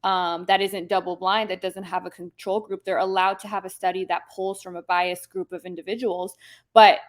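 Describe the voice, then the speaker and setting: A woman hosts her own show and talks through ideas in a relaxed, conversational way. Her pitch sits in an ordinary middle range, and she often restarts and corrects her phrasing mid-sentence. She puts extra stress on key phrases to drive her points home. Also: moderate pace. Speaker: podcast host. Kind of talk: casual explanatory talk.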